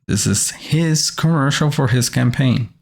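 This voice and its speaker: A man hosting casual reaction commentary on commercials, halting as he searches for words. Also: medium pitch, gravelly. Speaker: host reviewing commercials.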